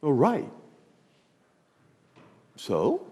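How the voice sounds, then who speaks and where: A man playing an earnest male news interviewer who keeps asking slow, baffled follow-up questions in a comedy sketch. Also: a little high, wildly swooping pitch, mellow, husky, heavily acted. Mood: puzzled. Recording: long hall reverb.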